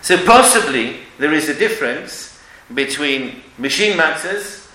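A man's voice: a little high, lively intonation, a little slow, sharp tone. A man giving an emphatic religious lecture with stories and rhetorical questions, sprinkling in Hebrew and Yiddish terms. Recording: echoey room with background noise.

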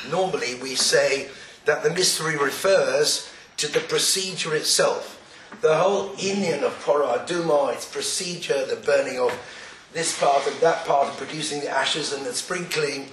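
Croaky man lecturing in a roomy, noisy recording. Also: fairly high pitch, fairly bright tone, far from the mic. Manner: deliberate, explanatory, with Hebrew quotations. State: croaky, getting over an illness. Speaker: religious lecturer. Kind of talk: Torah lecture, explanatory.

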